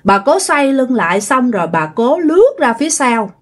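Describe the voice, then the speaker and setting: Woman, Southern Vietnamese accent, casual ghost story, lively voice that swoops up and down, chatty. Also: high voice, moderate pace. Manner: chatty, addresses listeners directly, many tag particles.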